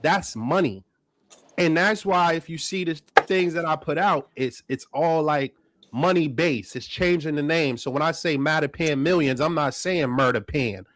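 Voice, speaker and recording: A man's voice: on the high side, normal speed, fairly bright tone. A man, a small business owner talking casually and slangily on a podcast. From Boston, USA. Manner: streetwise, slangy, acts out others' voices.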